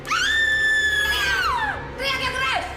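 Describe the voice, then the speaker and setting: A woman playing a murderous, jealous wife in a horror film, taunting her victim slowly and menacingly with laughter. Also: very high voice, huge pitch swings, exaggerated voice. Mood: menacing gloating. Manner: taunting, slow and menacing, laughing between shouted orders. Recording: echoey, loud music and crowd noise.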